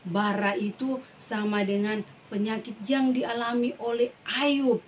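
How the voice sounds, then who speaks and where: A woman, teaching a children's Bible lesson in an animated storytelling manner and talking straight to the kids. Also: on the high side, unhurried, slight background noise. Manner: animated, addresses the children directly.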